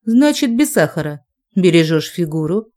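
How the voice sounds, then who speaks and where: A sly werewolf alpha, as a woman reads him in an audiobook, sneering and mock-polite. The voice sits low and mellow, and the lines come out slow and drawn out. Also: big pitch swings.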